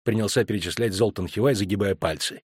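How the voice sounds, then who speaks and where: A man narrating an audiobook in a steady, even storytelling manner. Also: lowish voice, fast talker, breathy edge, no echo, clean studio sound.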